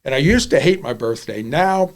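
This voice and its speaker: This podcast host, in his seventies, talks frankly and bluntly through a casual monologue, repeating himself often. His fairly high voice has lively intonation and a moderate pace.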